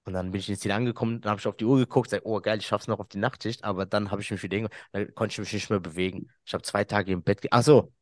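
Animated man telling a story. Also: on the low side, racing, few pauses, no room sound. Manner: animated, laughs often, acts out quotes. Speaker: guest. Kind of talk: storytelling in casual chat.

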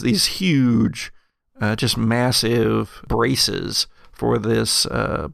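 Speaking as a game master, a man narrates a tabletop roleplaying game in a medium-pitched, fairly bright voice heavy with vocal fry. He describes the scene slowly and haltingly, feeling his way through each detail, and the sound is close, dry, and free of echo.

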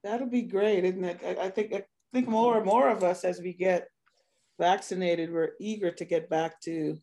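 A woman interviewing a guest, encouraging and warm in her replies, asking long, rambling questions with many restarts. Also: on the low side, fairly even intonation, moderate pace.

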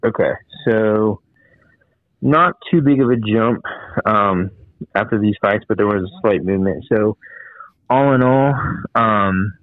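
A man calls in on a flip phone, and his low, laid-back voice comes through thin and tinny, like a bad cell line. The line is dry, with no room around him. He chats casually with the show. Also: unhurried, pauses often, no echo. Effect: tinny flip phone call audio. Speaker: podcast co-host calling in. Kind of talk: casual chat.

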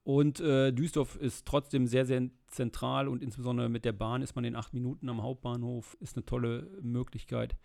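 Gravelly-voiced man, steady interview guest. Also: mid-range voice, normal speed, few pauses. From Germany, Rhineland. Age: middle-aged. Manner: fluent and steady, with frequent filler sounds. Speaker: interview guest, state politician. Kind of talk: casual interview.

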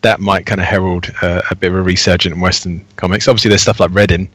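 A man talks casually as a podcast co-host. His voice sits a little low, and the sound is dry with no room around it. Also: flat delivery, fast, a bit bright, husky, no room sound. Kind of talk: casual chat.

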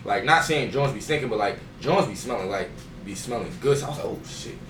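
Echoey distant recording, young man, lively intonation, jokey slang, fragmented casual storytelling. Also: mid-range voice, fast, background noise. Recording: echoey distant mic, voices behind.

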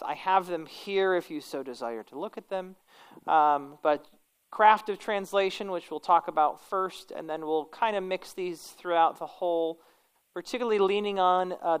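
Her voice is smooth and on the low side. This kind woman pastor leads an informal church class conversationally, fixing her own wording along the way as she lectures and prays.

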